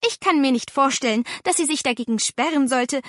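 A woman's voice: high voice, brisk, fairly bright tone, dry recording, studio quality, voice pushed up. A woman voicing a worried, strict aunt who cares for children, insistent and scolding in an audiobook. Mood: persuading.

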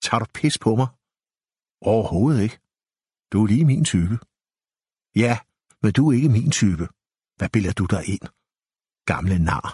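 A man reading an audiobook, voicing a touchy young woman with indignant, sharp retorts. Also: on the low side, animated, long pauses, husky, dry recording, studio quality. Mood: scornful. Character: young woman, touchy and quick to take offense. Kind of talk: audiobook character voice.

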